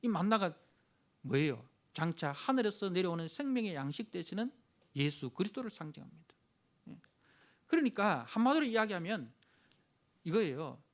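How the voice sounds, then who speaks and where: A male pastor preaches in a high, sweeping voice that climbs and dives dramatically. He acts out the grumblers he describes with emphatic force and peppers his phrases with quick affirming interjections. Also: big pitch swings. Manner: emphatic, dramatically voicing the complainers he preaches about; punctuates phrases with frequent affirming "yes" interjections. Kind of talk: sermon.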